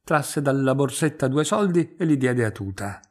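A man reading a literary short story aloud in a measured, even narration. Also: mid-range voice. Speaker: reader.

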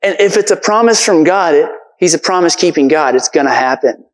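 A man's voice: fairly high pitch, expressive, a little fast, rough recording. A man preaching a casual, earnest sermon from a church stage, talking conversationally with lots of fillers.

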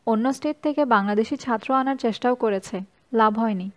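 Woman audiobook narrator, first-person story, measured, slightly high voice. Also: darkish tone.

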